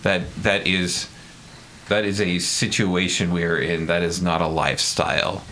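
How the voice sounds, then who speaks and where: A man chatting casually as a player in a tabletop game, making quick joking remarks. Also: low voice, little pitch movement, pushed and bright, slight background noise. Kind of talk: casual chat.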